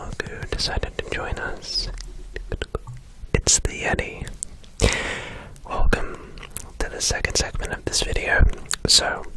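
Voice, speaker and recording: Australian accent, steady soft whisper, slow drawn-out pace, ASMR creator, close desk mic. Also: poor audio. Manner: soft rambling whisper with many fillers. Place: small home studio. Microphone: close USB desk microphone.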